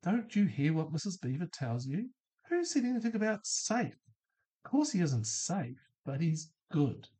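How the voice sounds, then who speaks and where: A man's voice: a little high, sing-song, a little slow, warm tone. A man voicing an indignant male beaver from a storybook, reading his lines insistently.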